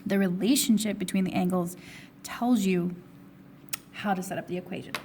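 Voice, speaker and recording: A woman teacher with a hoarse, fading voice, working step by step through a recorded math review and asking herself questions before answering them. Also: on the low side, fairly even intonation, normal speed, dark tone, a little hiss or hum. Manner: steps through problems, asking and answering her own questions. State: hoarse, losing her voice, with coughs. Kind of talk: recorded test review lesson.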